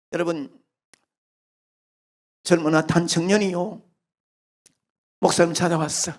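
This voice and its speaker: A Korean pastor with a Gyeongsang accent tells a sermon story with lively animation. His pitch rises and falls widely as his volume shifts from loud to hushed.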